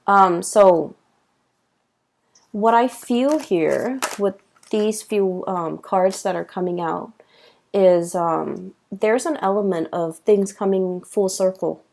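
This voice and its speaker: A woman giving a tarot reading late at night, tired and halting, with many fillers and restarts. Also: medium pitch, gravelly, a little mellow. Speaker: tarot reader.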